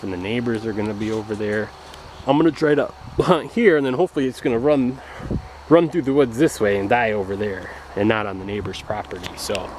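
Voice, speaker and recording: A man's voice: mid-range voice, slight background noise, rough recording. A man giving a casual vlog walk-through outdoors in the woods while out of breath, rambling with fillers and chuckles. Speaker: family vlogger.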